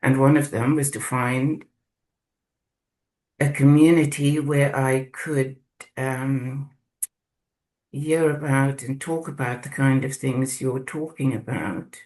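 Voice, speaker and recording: Slow, halting man sharing reflectively. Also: mid-range voice, rough recording. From South Africa. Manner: slow, halting, searching for words. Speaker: course participant. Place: video call.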